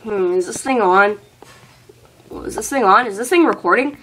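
A woman voicing a goofy, clumsy teenage boy who mumbles sheepish apologies, pitched well below her own voice. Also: normal speed, fairly bright tone, a little hiss or hum, natural voice. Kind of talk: comedy web-series acting.

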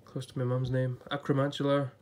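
His mid-range voice is completely flat, brisk and a little mellow, and a bit off because he's getting over an illness. The man reviews an illustrated book on YouTube, leafing through it in a chatty, think-aloud vlog while sitting at a table indoors with a blue backdrop behind him.

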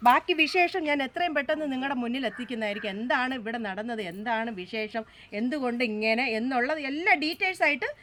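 A woman's voice: high voice, animated, fast, pushed and bright. A woman with a southern Kerala Malayalam accent giving chatty, casual travel vlog commentary, repeating phrases and checking in with viewers with tag questions. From Kerala, India. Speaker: travel vlogger. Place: outdoors, walking through a village and rocky hill. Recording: outdoor recording with background noise.

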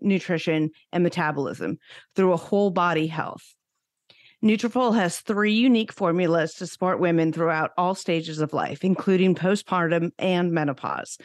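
A woman's voice: on the low side, no echo, clean studio sound. An American woman co-hosting a podcast, reading an ad and then chatting casually about a TV show, laughing easily. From United States. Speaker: podcast co-host. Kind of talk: podcast ad read and casual recap chat.

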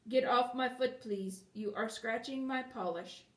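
A woman's voice: on the high side, a little slow, close to an everyday voice. A woman voicing a polite, literal-minded clockwork copper man with a harsh metallic voice, recorded in a roomy space from a distance. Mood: matter-of-fact.

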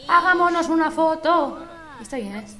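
A woman with an accent from Spain, commenting on a life-sim game, excitable and sweary, often breaking into silly singing. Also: sits high, normal speed. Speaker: gaming host. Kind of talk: let's play commentary. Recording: game music playing behind the voice. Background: game music.

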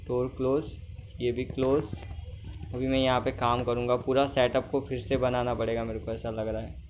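A young man giving casual commentary on his own gameplay, chatty and talking to himself, at times loud and scolding at the game characters. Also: medium pitch, little pitch movement, moderate pace, a little hiss or hum. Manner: chatty, talks to himself, keeps saying brother. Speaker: gamer.

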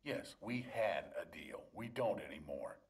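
A weary male doctor from a game drama, with a very low, creaky voice. He lays down rules in a measured, official tone with an apologetic edge, recorded at some distance as if on camcorder tape. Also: animated, heavily acted. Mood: firm, apologetic. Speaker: doctor character in a video game. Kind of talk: dramatic video game acting.

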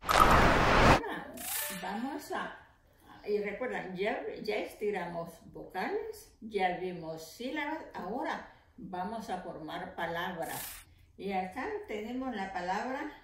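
A woman teacher leading an early reading lesson for young children, slowly sounding out letters and syllables. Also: mid-range voice, animated, slight background noise. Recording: echoey room.

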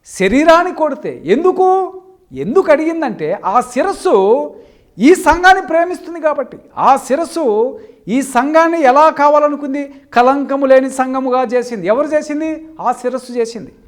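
Fiery male preacher with a very high-pitched voice, scolding and full of rhetorical questions. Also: lively intonation, moderate pace. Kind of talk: Telugu sermon.

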